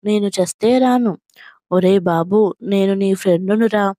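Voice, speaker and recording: A woman's voice: mid-range voice, a little slow, mellow, no room sound, studio quality, lightly acted. A woman voicing a young man who coaxes and insistently begs his friend for a favour, read aloud in a storybook reading. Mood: pleading. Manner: coaxing, insistent.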